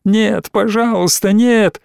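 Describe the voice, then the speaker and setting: A man's voice: on the high side, moderate pace, a little mellow, no echo, studio quality, natural voice. A man reading an audiobook, voicing a distraught teenage girl who wails and pleads. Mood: pleading. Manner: wailing, pleading.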